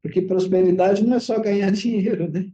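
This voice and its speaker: A Brazilian man speaks as a therapist guest in an interview, his voice somewhat high and mellow. He explains at length, often pausing on fillers and restarting his sentences. The audio sounds dull and lo-fi. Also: fairly even intonation. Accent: Brazilian Portuguese. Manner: hesitant, many fillers and restarts.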